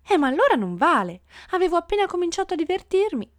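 A woman voicing a cheerful, carefree office lady with high, gleeful exclamations in a storybook reading. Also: sing-song, brisk, fairly bright tone.

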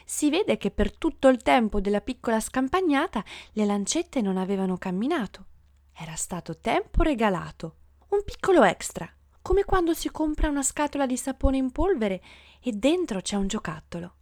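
A woman reading a children's story aloud in an expressive storybook manner. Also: normal speed, no echo, clean studio sound. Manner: lively, voices the passengers' shouts with big jumps in pitch.

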